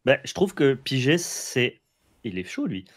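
A man's voice: mid-range voice, big pitch swings, unhurried, husky. A man co-hosting a card game video, bantering and joking as he comments on the plays. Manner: jokey, banters, apologizes playfully. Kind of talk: casual gameplay chat.

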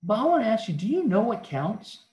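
A man with a fairly high voice delivers an earnest sermon full of direct questions to his listeners. He often stumbles and restarts mid-phrase. The sound carries the echo of a church auditorium. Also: big pitch swings, brisk, a little mellow. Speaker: preacher. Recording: echoey church hall.

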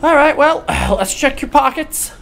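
A woman hosting a let's play, cursing and yelling in exasperation at the game's characters. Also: high-pitched, lively intonation, measured pace, soft background music. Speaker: gaming video host.

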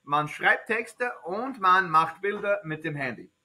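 A man, a native English speaker, teaches German to a beginner class in a classroom. His voice is high, very bright and lively, rising and falling widely. He asks simple questions, repeats them and often answers them himself. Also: a little slow.

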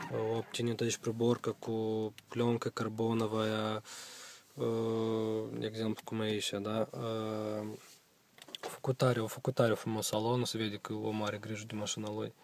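A man's voice: fairly low pitch, darkish tone, a little hiss or hum. A young man with a Moldovan accent, filming a casual car walkthrough vlog on his phone inside a parked car, talking in a rambling, hesitant way with many fillers. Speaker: vlogger. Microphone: handheld phone camera.

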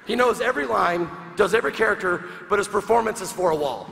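On stage in a large convention hall, a man delivers a comedy roast, rapidly firing off mocking punchlines and laughing at his own jokes. His voice is high, animated, fast and creaky, and the recording carries the hall's echo and a noisy live crowd.

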